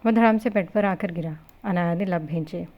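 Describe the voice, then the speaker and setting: A woman narrating a romance novel in a steady storytelling manner. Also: on the low side, highs cut off. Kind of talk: Urdu novel reading.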